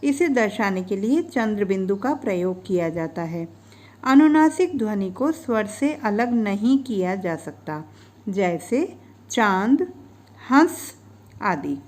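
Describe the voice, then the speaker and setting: A woman's voice: mid-range voice, expressive, takes it slowly, a little mellow. A woman in her fifties narrating a scripted grammar lesson over slides, spelling out each sound and example with care. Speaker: teacher.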